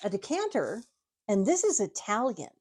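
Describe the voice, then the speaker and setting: A woman's voice: mid-range voice, huge pitch swings, normal speed, darkish tone, slightly rough. A woman guest in a casual chat, explaining her collection at length and laughing often. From United States. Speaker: guest, tiki mug collector. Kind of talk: casual chat, show-and-tell.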